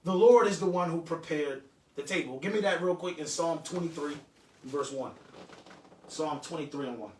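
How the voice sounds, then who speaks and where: A man's voice: on the high side, normal speed, darkish tone, a little hiss or hum. A man leading a classroom Bible lesson, cutting in with jokes and telling the reader to go on. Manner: joking asides, directs the reader, repeats verses. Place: echoey classroom. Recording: echoey room, distant mic.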